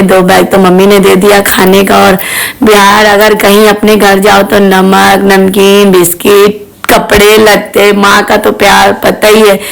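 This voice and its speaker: A woman's voice: mid-range voice, creaky, low-quality recording. A woman in her thirties from Bihar, narrating her family vlog in a chatty way and speaking straight to her viewers. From Bihar, India. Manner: chatty, addressing viewers directly. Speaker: family vlogger.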